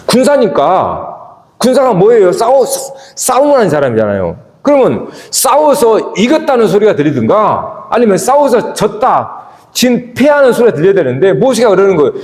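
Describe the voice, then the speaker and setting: The roomy echo and long reverb of a church hall surround a pastor delivering a sermon in the sanctuary. His voice sits fairly high and swings widely and lively at a moderate pace, sinking low between emphatic peaks as he repeatedly questions the congregation.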